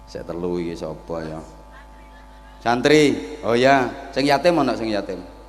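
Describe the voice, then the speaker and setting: A man's voice: fairly low pitch, lively intonation, unhurried, big-room sound. A middle-aged man with a Javanese accent preaching a humorous sermon at a religious gathering, theatrical and joking.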